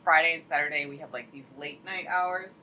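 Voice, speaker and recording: A young adult woman talking in a relaxed, chatty way, her tone a little low yet bright and sharp. She strings stories together loosely, full of "like" and easy laughs. There is a faint hiss of noise behind her. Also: a little fast, poor audio. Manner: chatty storyteller, heavy use of "like", laughs often. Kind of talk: casual chat.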